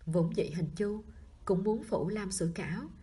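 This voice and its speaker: A woman narrating a novel in a soft reading voice that often drops to a whisper. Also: mid-range voice, measured pace, breathy edge. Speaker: audiobook narrator.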